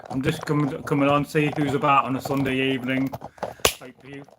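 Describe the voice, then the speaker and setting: There's background noise as a young UK history channel host talks on a live stream from home through a camera on a tripod. His mid-range voice is flat and a little fast, and his casual chat rambles with many fillers and restarts.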